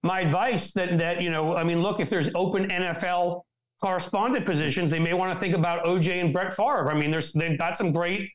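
A man's voice: sits high, fairly even intonation, fairly quick, low-quality recording. A middle-aged man, a political strategist on a show, talking in a blunt, profane, joking way in casual political chat.

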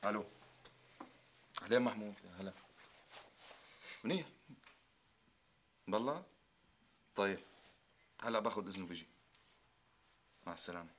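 An actor playing a hesitant, wary young office clerk with a Syrian accent in a television comedy-drama. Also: male voice, on the low side, lively intonation, moderate pace, long pauses, a bit bright, slight background noise. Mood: polite. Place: furnished indoor rooms.

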